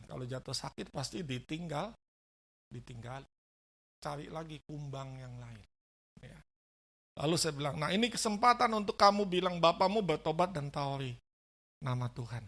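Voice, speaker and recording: A man's voice: on the high side, a bit bright. A man preaching a sermon as a pastor, telling stories animatedly, acting out the dialogue and asking the congregation questions. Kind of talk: sermon with storytelling. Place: church service.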